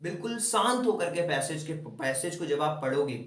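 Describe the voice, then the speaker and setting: A man's voice: fairly high pitch, lively intonation, moderate pace, a bit bright, far from the mic. A young man teaching an exam-prep lesson in a chatty, coaching way, mixing in English terms. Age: young adult. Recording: echoey room, voice set back from the mic.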